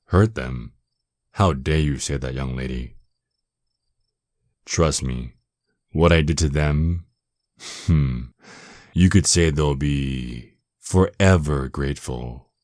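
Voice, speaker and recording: A man playing a dominant, seductive, menacing male vampire lord in an ASMR roleplay, with a very deep voice and a possessive, taunting, mock-tender manner. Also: takes it slowly, pauses often, a little mellow, no echo, clean studio sound. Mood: amused, taunting. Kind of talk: ASMR roleplay, intimate scripted monologue.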